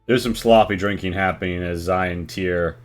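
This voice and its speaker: Low-voiced man running a tabletop game. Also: steady tone, normal speed. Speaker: game master. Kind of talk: improvised tabletop game narration, casual.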